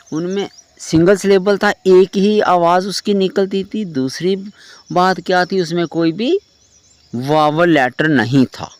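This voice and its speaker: Slow, careful man teaching spelling rules. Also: high voice, no echo. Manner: slow, spells words letter by letter, asks "clear?". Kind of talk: explaining English spelling rules.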